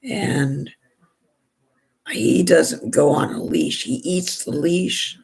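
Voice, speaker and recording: A hoarse woman with a gravelly, raspy voice, chatting in a rambling way and restarting often while she does her makeup for a vlog. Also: low voice, very slow, darkish tone. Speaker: beauty vlogger. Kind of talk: casual chat while doing makeup.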